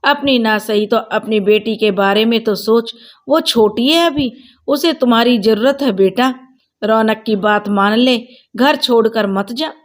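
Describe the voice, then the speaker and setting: A woman voicing a gentle older mother-in-law in a storybook tale, speaking softly and apologetically. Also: on the high side, unhurried, lightly acted. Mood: pleading. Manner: soft, pleading, apologetic.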